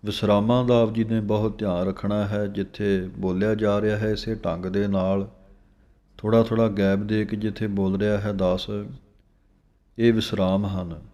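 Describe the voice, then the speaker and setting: A man teaching scripture recitation. He chants verses slowly with pauses and gives plain spoken instructions on pronunciation. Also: lowish voice, flat delivery, warm tone.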